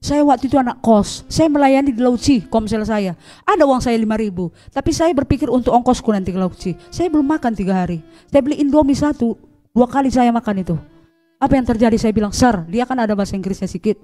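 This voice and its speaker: A woman evangelist with a Medan accent tells her testimony in a high, dramatic preaching voice. She speaks straight to her congregation, swinging between pleading and storytelling. Soft music runs underneath. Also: fast talker. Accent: Medan Indonesian. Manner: dramatic storytelling, calls the audience "saudaraku". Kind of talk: emotional testimony sermon.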